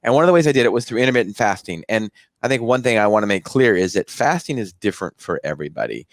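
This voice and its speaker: An American man hosts a health show, speaking in a fairly low, sing-song voice and talking fast. In conversational interview talk, he explains things and circles back over phrases as he goes. The sound is very dry, with no room echo.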